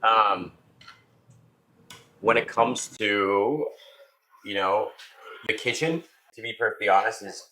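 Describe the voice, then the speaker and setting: Male chef, very low deep voice, dry teasing delivery, relaxed kitchen chat. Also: slow, pauses often, slight background noise, poor audio. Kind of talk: casual chat. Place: restaurant kitchen.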